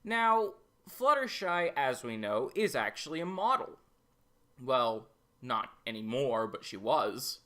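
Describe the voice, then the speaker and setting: A man hosts a review show and gives his take on an episode. For all the brightness and pitch variation in his voice, he speaks slowly and deliberately as he presents his opinions.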